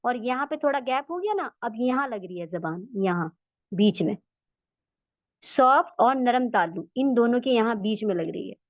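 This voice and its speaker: A woman's voice: fairly high pitch, lively intonation, normal speed, no room sound. A woman teaching Quran recitation in Urdu-accented speech, going step by step and patiently repeating the sounds for practice. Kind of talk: slow step-by-step lesson. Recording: dull, dry lo-fi audio.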